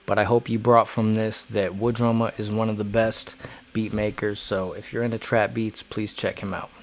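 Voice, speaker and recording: A man's voice: on the low side, little pitch movement, moderate pace, a little hiss or hum. A man hosting a casual livestream chat, rambling and joking at his own expense. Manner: rambling, joking, self-deprecating. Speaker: livestream host.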